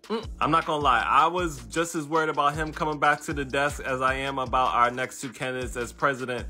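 A man in his thirties giving punchy comedic commentary to camera, with an animated, sarcastic delivery like late-night jokes. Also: mid-range voice, fairly quick, faint music behind.

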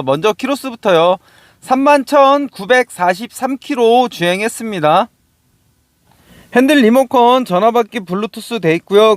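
A man's voice: high voice, no room sound. A man presenting a used car as a dealer, in practised, polite, formulaic salesman patter. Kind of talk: scripted sales walkaround presentation.

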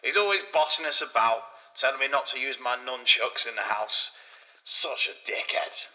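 A man's voice: medium pitch, moderate pace, sharp tone, low-quality recording. A man voicing a coarse, boastful male Renaissance sculptor, rambling crudely.

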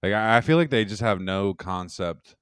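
A man's voice: fairly low pitch, animated, normal speed, clean tone, dry recording, clean studio sound. A young man co-hosting a podcast in casual, rambling chat, swearing and restarting often. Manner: rambling, loose and profane, many restarts. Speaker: podcast co-host.

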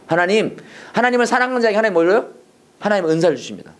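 A man teaching a preachy Bible English lesson to a class, animated and leading call-and-response while mixing English and Korean. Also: high voice, very fast.

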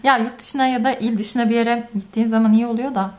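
Young woman vlogger, casual chat, exasperated animated ranting, faint background noise. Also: fairly quick. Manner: animated, exasperated ranting with sudden high outbursts. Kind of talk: casual vlog chat to camera.

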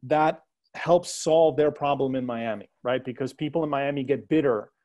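A man answering as a guest analyst on a discussion panel. He talks in a hesitant way, full of fillers and restarts, and lets dry sarcasm slip into his points. His voice sits in a middle pitch. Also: moderate pace, a little mellow, lo-fi sound.

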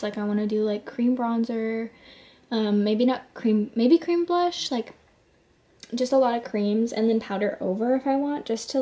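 A woman's voice: a little high, dark tone. Bubbly, breathless young woman. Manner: chatty, filler-heavy, bubbly. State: slightly out of breath. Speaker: vlogger. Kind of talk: casual chat to camera.

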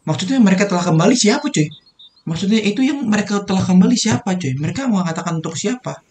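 A man's voice: high-pitched, lively intonation, fast talker, a little mellow, a little hiss or hum. Young man, casual game commentary, swears a lot, faint keyboard clicks behind. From Indonesia. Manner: chatty, swears often, addresses viewers. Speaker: gaming streamer. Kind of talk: casual let's-play commentary.

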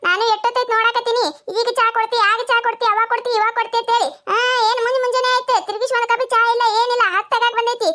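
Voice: very high voice, little pitch movement, very fast, few pauses, bright, forceful tone. A performer voicing a scolding older village mother-in-law in a cartoon, with a North Karnataka Kannada accent. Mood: nagging. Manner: nagging, scolding. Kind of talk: cartoon comedy voice acting.

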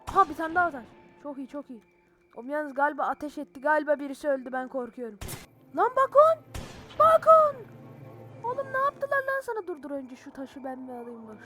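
A woman giving excitable, slangy let's-play commentary on a horror game, yelling and cursing when startled. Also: sits high. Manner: slangy banter with viewers. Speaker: gaming channel host.

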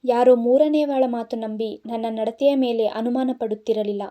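A resentful, wounded young husband in an audio storybook, played by a woman narrator, cold and cutting. Her tone is dark and mellow, a little high. She barely shifts from her own voice. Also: steady tone, moderate pace, natural voice.

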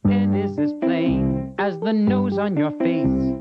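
A woman narrating a children's letter lesson in a slow, sing-song way. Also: mid-range voice. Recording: dull lo-fi track with loud music.

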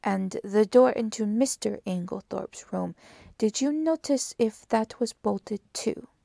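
A woman voicing a fussy, precise older male Belgian detective who asks slow, emphatic questions in a storybook reading. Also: mid-range voice, gravelly, mellow, no room sound. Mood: probing. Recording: dry close audiobook recording.

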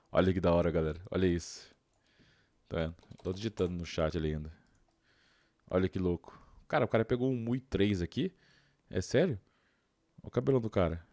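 Commenting casually on a game, a young Brazilian man uses lots of slang and voices his thinking while he plays. His low, mellow voice is recorded dry, without any echo.

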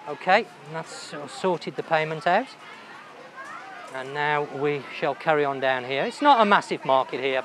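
A man hosting a walking tour of a night market, chatting enthusiastically and thinking aloud about the food he sees. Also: on the high side. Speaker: travel vlogger host. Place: busy outdoor night market. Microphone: handheld camera while walking. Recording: loud outdoor market noise.

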